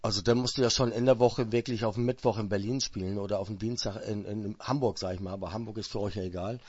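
A man's voice: on the low side, steady tone, quick pace, darkish tone, husky, no echo, highs cut off. A man in his fifties hosting a casual radio interview, chatty and joking, with many fillers and restarts. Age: 50s.

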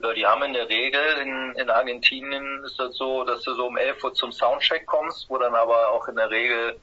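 A man from a band calmly explaining in a radio interview. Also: mid-range voice, fairly quick, highs cut off, slight background noise. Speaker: band musician guest.

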